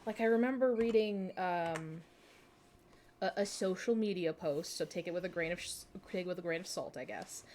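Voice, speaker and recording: There's a bit of hiss or hum under this lowish, slightly mellow woman's voice, which moves at a moderate pace. In her twenties and from Minnesota, she has a Midwestern American accent and chats, giggles and pokes fun at herself while live-streaming a game.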